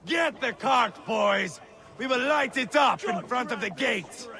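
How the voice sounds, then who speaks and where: An actor playing a bloodthirsty Viking war leader in a video game, barking taunts and orders like an angry mob leader with a gravelly voice. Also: male voice, very high-pitched, animated, slow, heavily acted. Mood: menacing, commanding. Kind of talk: video game battle acting. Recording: loud battle noise over the voice.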